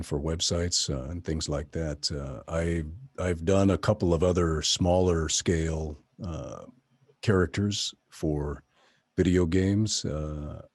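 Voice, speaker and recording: A man's voice: low-pitched, darkish tone, no echo, studio quality. A middle-aged man, a voice actor guest, chatting casually in an interview with many fillers and restarts. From Tucson, Arizona area.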